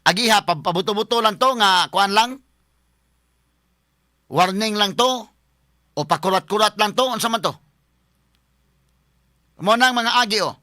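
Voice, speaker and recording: A man with a high, sharply bright voice hosts a casual commentary show. He chats to viewers as if they were friends and stops often to restart or fill a pause. The sound is close and dry. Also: no room sound. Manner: chatty, talks straight to viewers as friends; halting, with many fillers and restarts. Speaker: lawyer and commentary host.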